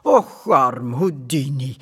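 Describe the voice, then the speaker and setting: A man's voice: medium pitch, lively intonation, takes it slowly. A man reading an audiobook and voicing a scornful adult man who taunts a boy, in a condescending, mocking way.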